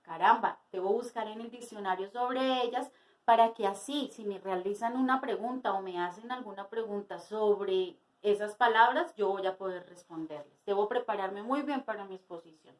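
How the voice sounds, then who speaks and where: A woman teacher giving a spoken lesson to her students, explaining slowly and asking rhetorical questions. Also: mid-range voice, low-quality recording.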